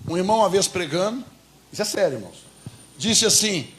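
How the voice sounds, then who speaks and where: High-voiced Brazilian pastor preaching. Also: male voice, lively intonation, fast, fairly bright tone, slight background noise. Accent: Brazilian Portuguese. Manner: emphatic, keeps asking the congregation rhetorical questions. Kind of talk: sermon. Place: church.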